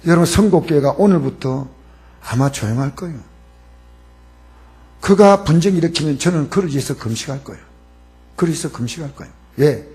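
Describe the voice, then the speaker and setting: A man's voice: fairly high pitch, fairly quick, pauses often, darkish tone. A man preaching a Sunday sermon as pastor in a church, emphatic and calling on the congregation to repeat after him. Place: church sanctuary.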